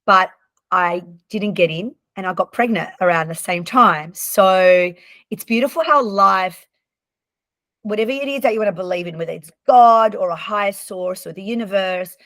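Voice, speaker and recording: She's a podcast guest in her forties from Lebanon, with Arabic and French as her native tongues, and she tells her stories in a frank, conversational way full of ums and false starts. Her voice is mid-range and fairly bright, captured without echo.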